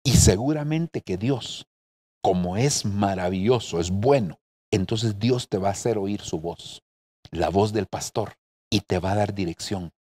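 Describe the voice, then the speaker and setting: Husky middle-aged pastor guy preaching from home, earnest, keeps calling folks brother. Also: on the low side, a little slow, dark tone. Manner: earnest, repeatedly addressing listeners as brother. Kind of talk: sermon.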